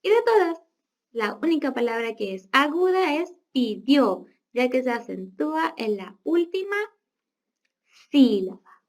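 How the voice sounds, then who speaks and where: A woman's voice: sits high, expressive, a little slow, a little mellow. A woman teacher with a Chilean accent going over quiz answers and reading a story aloud to students, stopping to explain words. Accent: Chilean Spanish. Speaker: school teacher. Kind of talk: classroom feedback and reading aloud.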